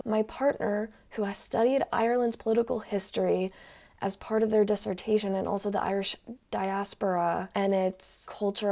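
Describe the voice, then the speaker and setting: A woman's voice: medium pitch, dark tone. A woman reading online posts aloud and reacting to them in a casual, frank way, swearing freely.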